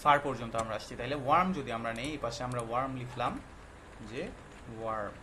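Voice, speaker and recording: A man's voice: mid-range voice, fairly quick, a loud crowd. A male teacher patiently explaining a lesson to young children, quizzing them often and mixing English words into his explanations. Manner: patient, quizzing with frequent questions.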